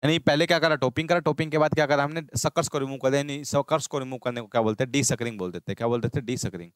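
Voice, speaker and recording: A man's voice: mid-range voice, rapid-fire, clear, resonant tone, no room sound. A man teaching an exam-prep agriculture lecture, constantly asking and answering his own questions to drill the key terms. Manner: drills terms with repeated call-and-response questions.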